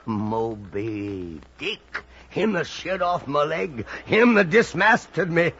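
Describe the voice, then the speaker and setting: An actor playing an obsessed, savage one-legged whaling captain in commanding, archaic seafaring speech in an old radio drama. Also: male voice, on the high side, sing-song, takes it slowly, a bit bright, husky, exaggerated voice. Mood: brooding fury. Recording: hissy, muffled old radio recording.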